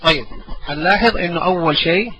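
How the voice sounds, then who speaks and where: Bright-voiced man teaching a class. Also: fairly high pitch, low-quality recording. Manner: repeats verses slowly for the pupil to follow; asks the pupil questions, then answers them. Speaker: religion teacher. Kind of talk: classroom lesson.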